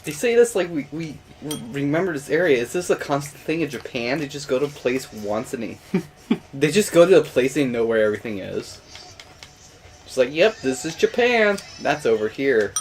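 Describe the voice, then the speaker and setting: A man's voice: mid-range voice, lively intonation, normal speed, darkish tone. A man giving casual, joking commentary while playing a video game. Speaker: let's play commentator.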